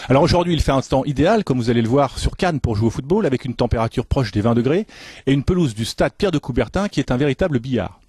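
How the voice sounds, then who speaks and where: A man's voice: mid-range voice, expressive, fast, a little mellow, breathy edge, no echo. A man presenting and interviewing for a football club video.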